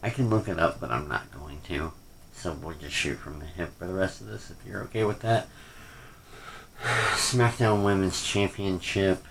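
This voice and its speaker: A man with a low, gravelly voice and a moderate pace rants casually about a wrestling pay-per-view, with some background noise. His off-the-cuff review rambles and hesitates, often trailing off, and he sounds critical and unimpressed.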